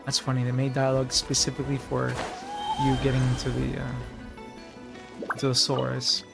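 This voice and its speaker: A man's voice: medium pitch, monotone, normal speed, vocal fry, loud music behind the voice. A man streaming a game, talking casually and grumbling to friends with heavy swearing. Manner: profane, grumbling asides. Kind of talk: casual gameplay commentary.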